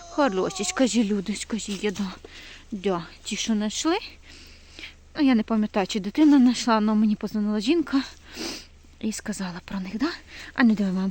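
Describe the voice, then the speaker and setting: Woman, fairly high voice, quick nervous vlog chatter, baby talk to dogs, phone mic outside by woods, faint background noise. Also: a little mellow. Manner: talks fast when nervous. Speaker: animal rescue volunteer. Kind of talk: casual vlog narration while filming. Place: outdoors near a forest. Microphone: phone camera held while filming.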